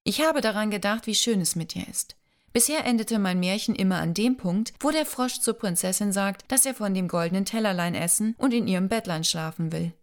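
A young woman in love teases her partner, light and affectionate, as the narrator lifts her voice slightly for her. The lines come from a romance audiobook, read close and clear. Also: mid-range voice, a little fast, natural voice. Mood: playful, affectionate. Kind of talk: audiobook dialogue.

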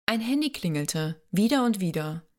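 Woman narrator, calm, measured, audiobook reading, middle-pitched voice. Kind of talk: scripted narration.

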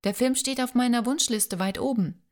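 A woman voicing a teasing, affectionate young woman in love, her lines a little higher than the narration. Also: normal speed, a little mellow, natural voice. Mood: playful, affectionate. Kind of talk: audiobook dialogue.

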